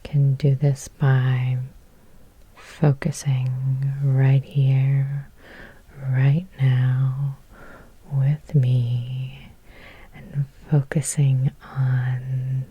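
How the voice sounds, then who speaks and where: Guiding an ASMR hypnosis, a woman with a bass voice whispers close to the microphone in a breathy, gentle, calming manner, pausing at length. She speaks flatly, and the audio's highs are cut off.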